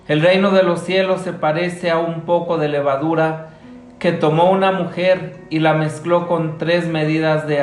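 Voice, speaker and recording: A man, a priest, reading the Gospel aloud in a slow, measured liturgical way, his voice ringing in a church. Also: on the high side, roomy sound. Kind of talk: reading the Gospel and giving a homily.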